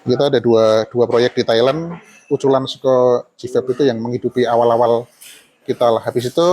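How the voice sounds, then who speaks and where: Relaxed man in his forties, chatty. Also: mid-range voice, normal speed. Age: 40s. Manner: relaxed, laughs often, mixes in Javanese phrases. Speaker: architect guest. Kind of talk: casual storytelling conversation.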